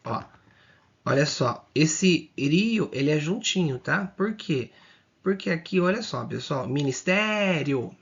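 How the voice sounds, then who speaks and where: Gravelly husky male teacher, lo-fi sound. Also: on the high side, lively intonation. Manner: explains slowly and repeats, drawing out words, checking in often. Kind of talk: exam-prep grammar lesson.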